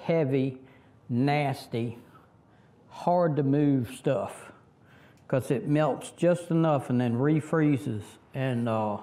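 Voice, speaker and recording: Mellow and mid-range, a middle-aged man's voice takes its time as he kneels by a tractor under a fabric shelter outdoors. He's a Virginian with a Southern accent, rambling folksily through a casual how-to vlog with plenty of fillers and restarts, captured by a camera a few meters away.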